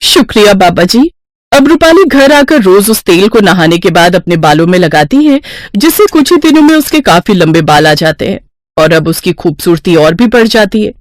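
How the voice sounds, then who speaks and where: Woman storyteller, lively melodic voice, scripted narration, expressive. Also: mid-range voice, moderate pace, no echo, studio quality.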